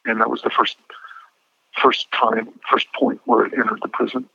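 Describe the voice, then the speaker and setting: A man in his fifties speaking as an incarcerated interview guest over a prison phone line, measured and a little hesitant, with small restarts. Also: medium pitch, sing-song, gravelly, husky, dry recording. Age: 50s. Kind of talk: telephone interview. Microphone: prison telephone handset. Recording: muffled phone line, dry.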